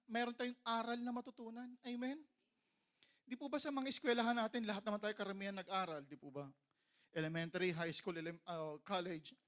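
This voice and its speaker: A Filipino man preaching a sermon, telling a funny parable and often asking for an amen. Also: sits high. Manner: storytelling, jokey, calls for amens, sometimes shouts.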